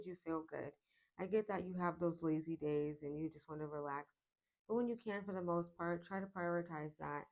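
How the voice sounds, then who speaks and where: Lower-voiced woman in her twenties, reflective vlog. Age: 20s. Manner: reflective, frequent pauses and fillers. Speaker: vlogger. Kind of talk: casual self-help vlog.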